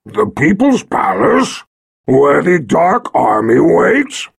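A man voicing a huge proud young male red dragon, speaking slowly and booming as if from far off. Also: huge pitch swings, gravelly, slightly rough, no room sound, clean studio sound, full character voice. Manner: slow, booming, growling.

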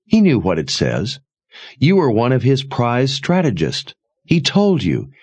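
A man performs a frightened, accusing young woman in a fantasy audiobook, his full character voice raised, strained, and urgent. He pitches it above his own mid-range voice, with huge pitch swings and a dark, husky tone at a measured pace.

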